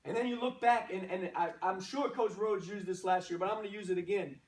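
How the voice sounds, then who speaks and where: A man's voice: sits high, fairly quick. A man speaking as a coach, giving a motivational pregame pep speech to a team in short, punchy phrases and exhorting rhetorical questions. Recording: roomy echo, distant microphone.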